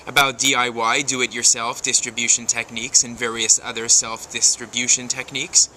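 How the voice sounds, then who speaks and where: A man's voice: medium pitch, pushed and bright, a little hiss or hum. A man hosting his video blog outdoors in his backyard, musing aloud in a chatty, self-promoting way. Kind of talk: casual vlog monologue.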